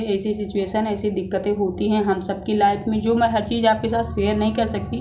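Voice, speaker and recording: A woman's voice: mid-range voice, mellow, a little hiss or hum. A woman vlogger talking straight to her viewers in a casual motivational talk, earnest and preachy, asking rhetorical questions as she gives advice, recorded on a phone. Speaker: vlogger giving life advice.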